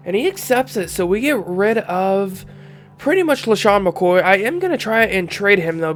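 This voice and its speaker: A young man with a congested voice, casually commenting while he reviews season stats in a football video game. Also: high-pitched. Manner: relaxed, thinking aloud while reviewing stats. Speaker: gaming YouTuber.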